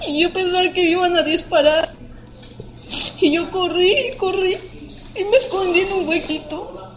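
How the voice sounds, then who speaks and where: A young woman with a Mexican accent giving a halting personal testimony of an attack as a witness, often breaking off and restarting her sentences. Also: very high-pitched, fairly even intonation, a bit bright, low-quality recording.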